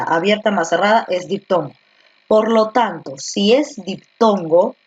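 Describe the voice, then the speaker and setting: A woman's voice: medium pitch, lo-fi sound. A woman teacher explains a grammar lesson step by step, asking questions and answering them herself.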